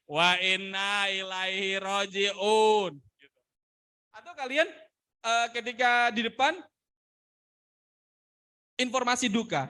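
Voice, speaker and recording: Bright, high-voiced male seminar trainer. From Indonesia. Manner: lively, demonstrative, imitates examples. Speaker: public speaking trainer. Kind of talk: seminar talk to students.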